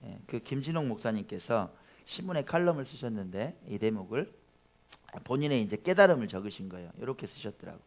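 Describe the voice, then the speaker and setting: A man's voice: mid-range voice, a little fast. A man preaching a conversational Sunday sermon as a pastor in a church, asking the congregation questions and telling personal stories. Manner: chatty, addresses the congregation directly with questions; tells personal anecdotes in a lively, informal way. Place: church sanctuary.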